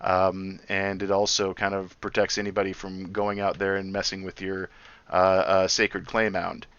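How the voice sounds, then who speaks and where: A man narrating as dungeon master for a tabletop game, halting with many filler sounds. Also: completely flat delivery, a bit bright, smooth, no echo. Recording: dull dry low-fi audio.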